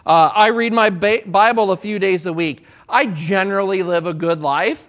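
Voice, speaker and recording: A man's voice: sits high, normal speed, pitched above the performer's own voice, natural voice. A man puts on a smug, self-assured churchgoer who reels off his own merits in a raised, pleased-with-himself voice. The recording sounds dull and lo-fi.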